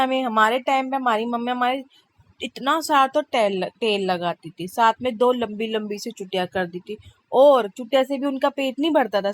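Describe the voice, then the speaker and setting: A woman in her thirties, a mother, narrating her busy day in a chatty, exasperated vlog voice-over. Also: fairly high pitch. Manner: chatty, exasperated, complaining humor. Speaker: vlogger, mother.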